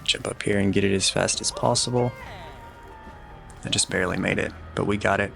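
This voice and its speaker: A young man gives relaxed walkthrough commentary on a video game, easygoing and instructive, sometimes mocking his own mistakes. His low, gravelly voice stays flat and level while moving fairly quickly. Faint game music runs in the background.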